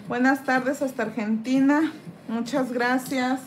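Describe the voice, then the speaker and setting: A chatty woman from Mexico, talking in a somewhat high voice as she files acrylic off her nails. She reads viewer comments aloud, answers them and greets each viewer by name. A faint hum of the nail drill and the room sits under her voice. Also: fairly even intonation, takes it slowly. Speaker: nail tech streamer. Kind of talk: casual live-stream chat. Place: indoors at a nail desk.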